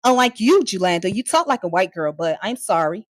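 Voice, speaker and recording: In this live commentary, a fiery streamer with a mid-range voice swears and mocks her viewers, laughing with scorn as she confronts them head-on. She is very animated and talks fairly quickly. The recording is echo-free and studio grade.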